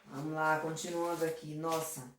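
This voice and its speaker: A woman with a low, level voice at normal speed leads an exam prep lesson, walking through questions with affectionate diminutives and frequent check-ins with students. There's slight background noise, lots of echo, and the microphone is far off.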